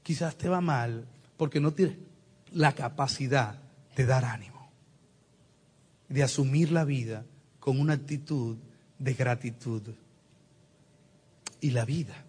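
A man preaching a sermon, telling lively, humorous stories with acted-out quotes. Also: mid-range voice, measured pace, long pauses, breathy edge.

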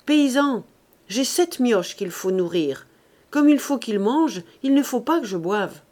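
A woman's voice: on the high side, expressive, a little slow, darkish tone. A woman voicing a pompous gaunt gravedigger. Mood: sententious. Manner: pompous, authoritative, sententious.

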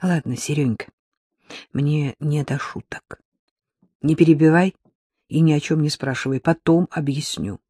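A man's voice: a little high, unhurried, long pauses, dark tone, slightly rough, dry recording, clean studio sound. A man reading the part of a tired, determined young woman on the run who gives terse, urgent instructions.

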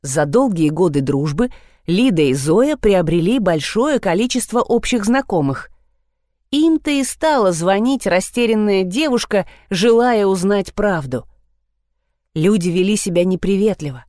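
A woman narrating a novel in a measured, expressive way, her voice in a middle register. The recording is dry and close, with no room echo. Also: mid-range voice. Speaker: audiobook narrator. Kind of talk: scripted narration.

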